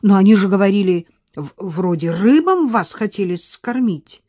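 A woman's voice: mid-range voice, animated, normal speed, dark tone, no echo, clean studio sound, lightly acted. A woman voicing an impulsive young mother who talks in a heated, emphatic way. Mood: bewildered.

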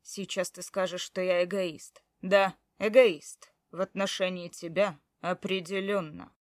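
A woman voicing a stubborn grown man, a husband who argues gruffly and then pleads. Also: fairly low pitch, fairly even intonation, moderate pace, dry recording, studio quality, close to an everyday voice. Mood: pleading. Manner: gruff, insistent, loud.

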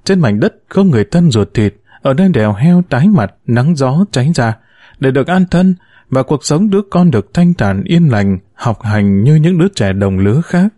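A man reading a literary story aloud in measured, scripted narration. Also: medium pitch, animated, warm tone, dry recording, clean studio sound.

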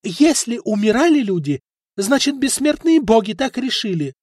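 Audiobook: male narrator as a lonely young princess, high, pleading and tearful, snapping into shrill outbursts. Dry close read. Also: big pitch swings, normal speed, a little mellow, dry recording, heavily acted.

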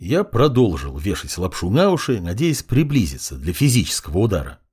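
Male narrator, husky voice, animated ironic reading, first-person fantasy audiobook. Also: on the low side, fairly quick.

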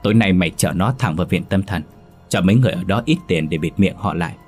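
A greedy old patriarch gives quick, clipped commands in a spoken horror tale, as a male storyteller does him. The voice is deep and husky. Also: darkish tone, soft background music. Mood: cold. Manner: curt, commanding. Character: cold, greedy old father-in-law.

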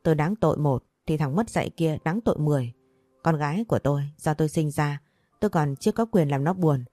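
A woman's voice: deep voice, dry recording, faint music behind. Woman voicing a furious hot-tempered old father. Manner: furious, rapid shouting threats.

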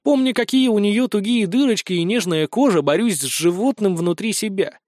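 A man's voice: sits high, lively intonation, normal speed, darkish tone, no room sound, clean studio sound. A man reading a first-person fantasy story in a wry, slangy, conversational manner. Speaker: audiobook narrator.

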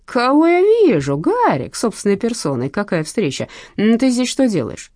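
In an audiobook, a hoarse, mocking male gangster threatens and sneers with a lively, swinging delivery, as a woman reader puts him on. The sound is warm and dry, close to the mic. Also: on the high side, moderate pace, dry recording, pitched above the performer's own voice. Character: menacing male gangster loan shark, mocking. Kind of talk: audiobook character voice.

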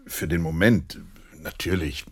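An actor in a German radio drama playing Doctor Watson, an earnest, loyal gentleman who is easily astonished and somewhat flustered. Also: low voice, a little slow. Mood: hesitant, polite.

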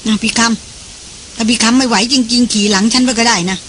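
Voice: medium pitch, fairly even intonation, normal speed, fairly bright tone, slight background noise, close to an everyday voice. A reader voicing a cheeky young male head porter who teases and banters, for an audiobook. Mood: teasing.

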